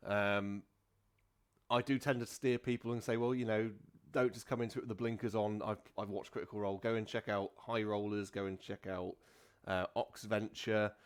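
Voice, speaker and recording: A man in a relaxed podcast chat, hosting as a dungeon master. His voice sits fairly low, and he rambles, restarting sentences and filling gaps with ums. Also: normal speed, clear, resonant tone. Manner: rambling, many fillers and restarts.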